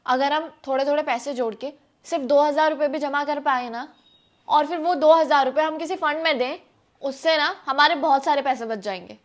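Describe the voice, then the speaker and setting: As a firm young wife scolding her husband about saving money, a woman delivers a lightly acted part in a scripted family skit. Her voice is high, fairly quick, and steady, with the persuasive authority of a sensible homemaker.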